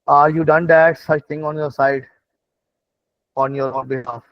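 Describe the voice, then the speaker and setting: A man who is a non-native English speaker, instructing a live online class in a halting, repetitive way, often checking that listeners follow. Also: fairly high pitch, little pitch movement, dry recording. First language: not English. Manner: halting, repetitive explaining with frequent check-in questions. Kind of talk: live online lesson, explaining while demonstrating on screen. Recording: dull, lo-fi online call audio.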